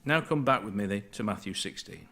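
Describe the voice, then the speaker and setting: A man's voice: on the low side, animated, normal speed, vocal fry, pushed and bright. Chatty man giving a Bible talk. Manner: conversational, digressive, reads scripture aloud. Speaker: Bible study speaker.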